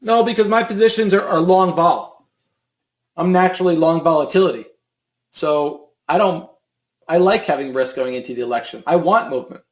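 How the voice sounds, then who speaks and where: A man's voice: on the high side, moderate pace, reverberant. A man hosting a live trading stream, answering a viewer's question in a loose, rambling way, often repeating words and restarting sentences. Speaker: options trading show host.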